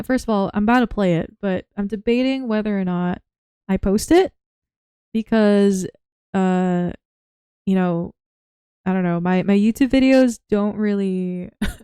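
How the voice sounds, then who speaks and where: Female streamer, rambly and scattered, smooth voice a bit hoarse, dry close recording. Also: medium pitch, dark tone, no echo. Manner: rambling, self-interrupting, chatty. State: losing her voice. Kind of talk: casual stream chat while drawing.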